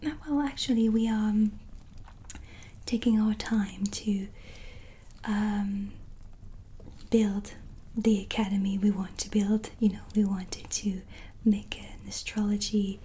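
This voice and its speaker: A woman performs a gentle witch for a soft-spoken ASMR roleplay, her medium-pitched voice soft, breathy and close to a whisper. She sounds calm and musing, speaking slowly and hesitantly in a steady, soothing tone. Relaxing music and ambience play softly behind her.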